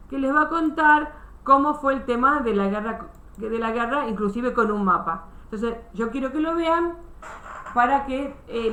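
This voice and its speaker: Woman history teacher, high voice, step-by-step online class, roomy call audio. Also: pushed and bright. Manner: explains step by step, many restarts, checks understanding.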